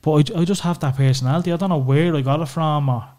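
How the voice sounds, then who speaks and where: Speaking fast in a darkish, higher-leaning voice, an Irish guest on a podcast gets candid about his family. He's emotional and unguarded, swears as a matter of course, and scatters "you know" throughout.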